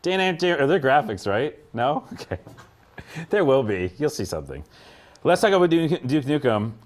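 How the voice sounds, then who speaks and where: A man's voice: medium pitch, big pitch swings, normal speed, a little mellow. A man co-hosting a casual games podcast, rambling with lots of fillers and frequent laughs. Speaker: podcast co-host. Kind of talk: casual chat.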